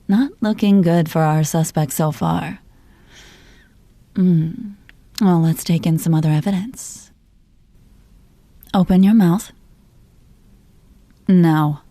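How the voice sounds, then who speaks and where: A woman playing a jealous, possessive girlfriend in an ASMR role-play, teasing and interrogating her partner in a slow, controlling murmur. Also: fairly low pitch, mellow, no room sound. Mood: jealous, probing.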